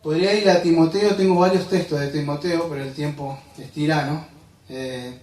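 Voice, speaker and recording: Male pastor, preaching with rhetorical questions, slightly high voice, echoey church hall, mic at a distance. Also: fairly even intonation, normal speed, darkish tone. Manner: preaching with rhetorical questions, addressing listeners as "amado". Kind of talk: sermon. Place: church sanctuary.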